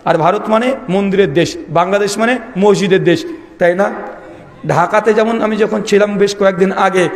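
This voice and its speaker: Man in his 30s, West Bengal Bengali accent, storytelling sermon, high voice, long hall reverb. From Murshidabad, India. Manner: animated, rhetorical questions to the crowd. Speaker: Islamic preacher. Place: large gathering venue.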